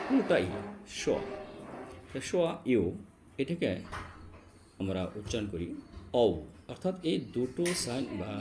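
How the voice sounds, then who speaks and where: A man teaching English vowel sounds to students, addressing them directly, slowly spelling out letters and repeating key sounds. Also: medium pitch, darkish tone, slight background noise. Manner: slow, drawn-out spelling of letters. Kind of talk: classroom-style phonetics lesson.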